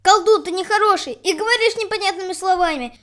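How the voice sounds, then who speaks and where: Woman doing a very high-voiced worried crow. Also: quick pace, fairly bright tone. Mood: indignant. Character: worried, gloomy female crow.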